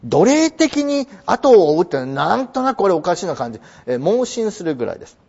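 A man teaching English, explaining a passage in an animated, emphatic lecture and reading the English lines slowly. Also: high voice, vocal fry, slightly rough, muffled recording.

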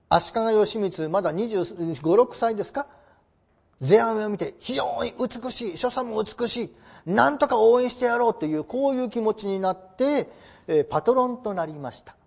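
A man's voice: extremely high pitch, lively intonation, normal speed, creaky, a little mellow, husky. A man giving a polite, explanatory classroom lecture, posing rhetorical questions to his listeners, on a dull lo-fi recording. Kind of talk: classroom lecture on traditional theatre.

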